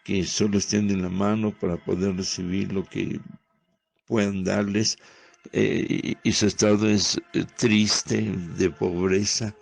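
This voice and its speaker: A man with a Mexican Spanish accent preaching a sermon, talking at a measured pace and calling out loudly when he voices quoted pleas. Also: on the low side, level tone, vocal fry.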